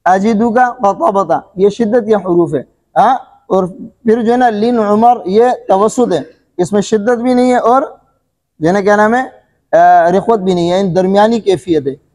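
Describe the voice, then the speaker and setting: A man teaching a Quran recitation lesson, quizzing his listeners with repeated questions and answers, coughing and clearing his throat now and then. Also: sits high, a little mellow, long reverb tail. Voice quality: repetitive question-and-answer teaching, frequent filler phrases. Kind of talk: classroom tajweed lesson.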